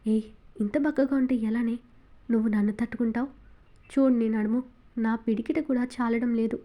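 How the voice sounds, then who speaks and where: A woman voicing a teasing, quick-tempered young man in a romance audiobook, her reading lightly shaded. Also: fairly high pitch, steady tone, mellow, lightly acted. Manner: teasing, scolding.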